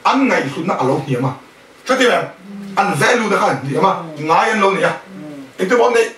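一位在家庭团契上讲道的男人，不断向听众发问，并夹杂英语词汇。. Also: male voice, high voice, animated, fairly quick, fairly bright tone. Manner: keeps questioning the listeners; mixes in English words. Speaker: preacher. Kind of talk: sermon at a house fellowship. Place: indoors at a home fellowship. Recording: echoey room, voice from a distance.

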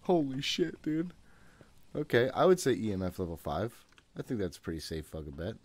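On the low side and a little mellow, his voice swings widely in pitch at a normal speed. He's a thirtysomething streamer giving casual live commentary on a horror game from a small room at home, jumping at scares and cursing to himself. He speaks into a desk mic placed close to his mouth.

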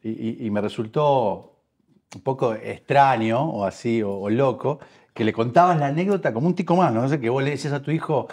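Argentine host with a husky voice, pokes and teases the guest, keeps restarting his questions. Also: mid-range voice, a little mellow. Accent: Argentine Spanish. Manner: prodding, teasing, halting restarts. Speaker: host, interviewer. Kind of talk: casual interview.

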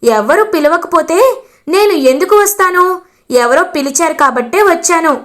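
A woman's voice: extremely high pitch, expressive, moderate pace, fairly bright tone, pitched above the performer's own voice. A woman voicing a cheeky young boy who answers bluntly. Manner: blunt, matter-of-fact replies.

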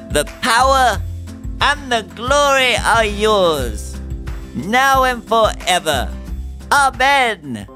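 A man and woman reciting in unison. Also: high voice. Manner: measured, steady, word by word in unison. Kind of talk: slow group recitation of a prayer.

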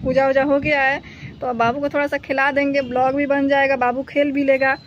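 A woman's voice: high-pitched, flat delivery, brisk, lo-fi sound, a little hiss or hum. A woman vlogging to her viewers on a rooftop while she plays with her dog, chatty and repetitive, sometimes talking to the dog. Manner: chatty, repeats herself, talks to her dog. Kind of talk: casual vlog narration to viewers. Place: rooftop outdoors during thunderstorm. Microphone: phone camera.

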